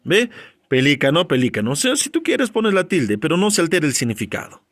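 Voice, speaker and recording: A man's voice: sits high, huge pitch swings, brisk, dry recording, clean studio sound. A male teacher giving a spelling lesson, constantly quizzing with rhetorical questions and short checks for understanding. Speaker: grammar teacher.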